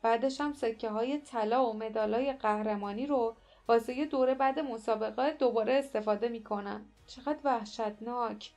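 A woman's voice: on the high side, faint music behind, natural voice. Woman voicing a fierce, bitter young girl. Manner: sharp, bitter.

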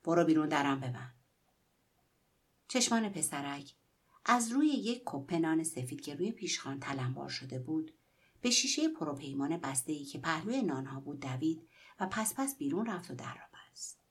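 A woman reading a literary story aloud in a hushed, whispery narrating voice. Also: low-pitched, big pitch swings, husky. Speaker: story reader.

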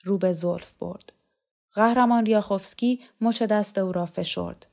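A woman with a medium-pitched, gravelly voice narrates a novel as an audiobook, reading in a measured, even storytelling style.

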